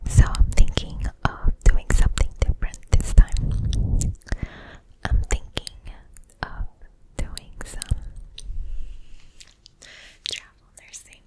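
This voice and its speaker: A young woman whispering softly and slowly in ASMR style, very close to the microphone, as if right at the ear. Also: poor audio. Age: young adult. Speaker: ASMR video creator, nurse. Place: indoor room at home. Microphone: desk microphone very close to the mouth.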